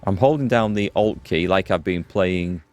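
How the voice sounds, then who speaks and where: In this live strategy-game stream, the streamer keeps things casual, thinking through moves aloud and welcoming viewers by name. He speaks in a low voice with a darkish tone and a moderate pace.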